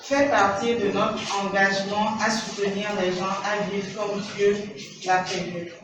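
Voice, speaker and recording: A man's voice: sits high, flat delivery, measured pace, over music. A man working as an interpreter, relaying a formal speech sentence by sentence. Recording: echoey, distant, noisy hall recording.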